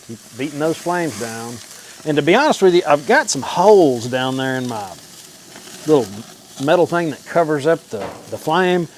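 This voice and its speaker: A man's voice: fairly high pitch, low-quality recording. A man hosting a home cooking vlog, talking to the camera in a casual, folksy, informal way as he cooks. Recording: clear sizzling and frying noise. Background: food sizzling on a grill.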